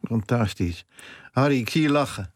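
Eager radio host urging a guest on. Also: male voice, medium pitch, normal speed, no room sound, clean studio sound. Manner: eager, encouraging interviewer who reacts warmly. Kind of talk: live radio interview. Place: radio studio.

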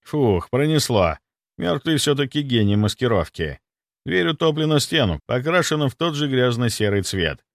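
Male audiobook narrator, tense and wry, very expressive pitch, dry close recording. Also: normal speed, no room sound. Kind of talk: first-person audiobook narration.

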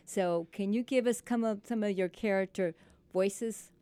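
A woman's voice: mid-range voice, measured pace, dark tone, smooth, no room sound. A woman hosting a radio interview, asking questions in an easygoing conversational way. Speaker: radio host.

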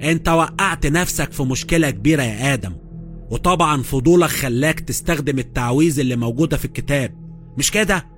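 A man's voice: a little high, fast, fairly bright tone, faint music behind, lightly acted. A man doing a tense Egyptian scholar. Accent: Egyptian Arabic. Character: tense male magic scholar, anxious.

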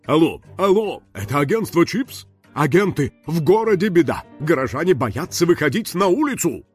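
A man's voice: fairly high pitch, very animated, normal speed, breathy edge, faint music behind, pitched above the performer's own voice. A man voicing a frightened old town elder calling for help. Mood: alarmed. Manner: alarmed, urgent.

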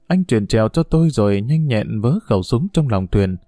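A man reading a story aloud in a steady, even narrating voice. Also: mid-range voice, normal speed, no room sound, clean studio sound, faint music behind. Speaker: audiobook reader.

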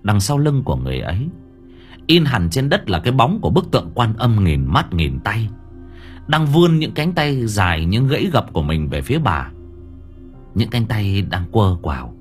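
A man tells a horror story in an expressive, suspenseful audiobook style. His voice is lowish but moves through a very wide range, rising and falling for effect. Faint music plays underneath. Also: normal speed. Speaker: audiobook narrator. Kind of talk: dramatic horror story narration.

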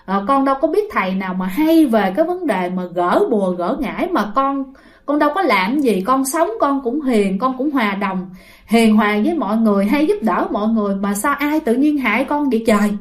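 A woman's voice: a little high, expressive, brisk, natural voice. A woman voicing her frightened mother, pleading in distress. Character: frightened middle-aged mother pleading, tearful.

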